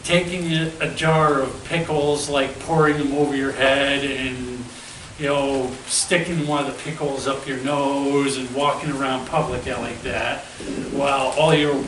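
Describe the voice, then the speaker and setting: A man's voice: mid-range voice, fairly even intonation, unhurried, a bit bright. A man interviewing a new VJ, rambling jokily through long questions. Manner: rambling, jokey. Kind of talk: casual interview chat. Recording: echoey room, distant mic, background noise.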